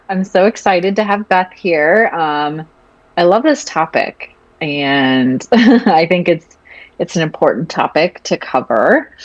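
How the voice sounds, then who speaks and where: A woman's voice: lowish voice, no room sound, muffled recording. A woman hosting a wellness podcast, reading a disclaimer and then asking questions with some hesitant fillers. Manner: hesitant, many fillers and restarts. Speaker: podcast host. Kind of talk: scripted intro then interview questions.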